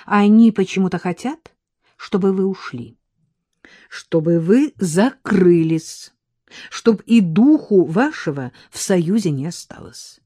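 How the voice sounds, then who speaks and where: A woman's voice: fairly low pitch, expressive, takes it slowly, mellow, breathy edge, no echo, clean studio sound, heavily acted. Milka, a coquettish young woman, read by a woman. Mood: urgent. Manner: coquettish, teasing, talkative.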